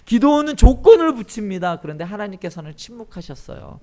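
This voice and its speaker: A man preaching a sermon as pastor, acting out quoted dialogue in animated voices. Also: high voice, a little fast.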